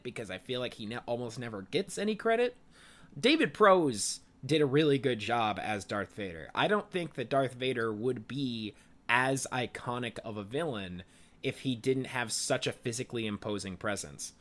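A man's voice: mid-range voice, fairly bright tone. A young man co-hosting a casual podcast, laid-back and rambling, tired and laughing often. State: tired and sleepy. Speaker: podcast co-host. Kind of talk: casual chat.

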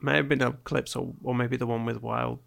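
A man co-hosting a podcast in casual chat, dry and wry, with quick jokes. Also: mid-range voice, flat delivery, creaky, a bit bright. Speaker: podcast co-host.

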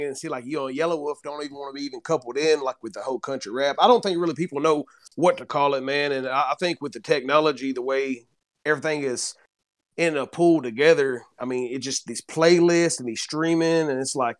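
A man's voice: on the high side, fairly quick, dry recording, studio quality. A man from Kentucky with a Southern accent, a musician guest chatting casually on a podcast, drawling and dropping "man" and "you know" between thoughts. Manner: laid-back drawl, peppers talk with "man" and "you know". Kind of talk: casual chat.

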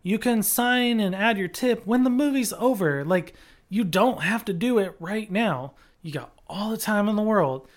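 Podcast co-host, casual chat, heated profane rant, lots of fillers, mid pitch. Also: animated, moderate pace. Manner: rambling with many fillers.

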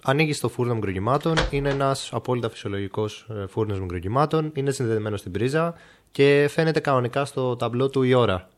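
A man narrating as game master of a mystery podcast game, describing a room with steady pacing and small fillers. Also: medium pitch.

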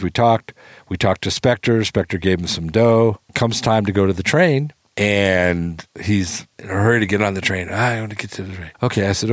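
Man, lowish voice, dry close sound, animated storyteller doing quotes. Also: no room sound. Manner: animated storyteller, acts out quotes, swears freely. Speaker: storytelling guest. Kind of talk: casual anecdote telling.

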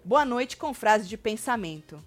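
A woman's voice: a little high, animated, unhurried, faint music behind. A woman with a Brazilian Portuguese accent co-hosting a casual chat, joking and mocking in a playful way. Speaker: co-host of a gossip channel.

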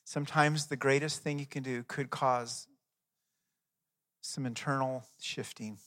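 A man preaching a sermon as pastor, emphatic, swelling loud and dropping to a soft prayer tone, in a hall with long reverb. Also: medium pitch, steady tone, unhurried.

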